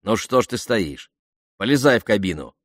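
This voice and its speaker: A man voicing a boastful, cheerful young male aviator who talks loudly and exuberantly. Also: on the low side, sing-song, normal speed, no echo, studio quality.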